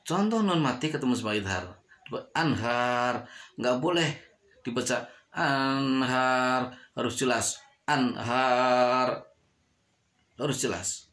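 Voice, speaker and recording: A man's voice: medium pitch, very animated, a bit bright. A man teaching Quran recitation rules, drawing out and repeating each recited example word. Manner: slow, drawn-out demonstrations of recited words, repeating each example. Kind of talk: tajwid lesson.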